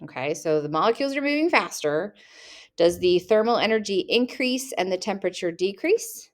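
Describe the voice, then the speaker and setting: Recorded at her computer, a young woman teacher reads test questions aloud to her students and then playfully rephrases each one. Her voice is medium-pitched and expressive, moving at a moderate pace.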